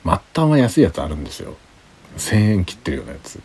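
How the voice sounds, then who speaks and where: Tipsy male streamer, very low pitch, lively intonation, quiet rambling late-night chat. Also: quick pace, a little hiss or hum. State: drinking alcohol, tipsy. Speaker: livestream host.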